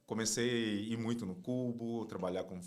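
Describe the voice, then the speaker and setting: A man's voice: on the low side, steady tone, moderate pace, a little mellow. A man in his forties from Taiwan, a consulting partner telling his career story as a podcast guest, often tagging his sentences with "né?". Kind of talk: relaxed interview conversation.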